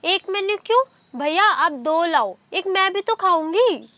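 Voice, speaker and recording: A woman's voice: extremely high pitch, animated, measured pace, pushed and bright, slight background noise, exaggerated voice. A woman playing a sugary, clingy young girlfriend who wants whatever her partner orders.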